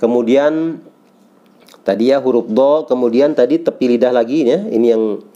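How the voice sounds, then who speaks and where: A man's voice: medium pitch, mellow, muffled recording. A middle-aged Indonesian man teaching Quran letter pronunciation, patiently sounding out syllables again and again for beginners. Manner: patient, repeats syllables slowly for learners.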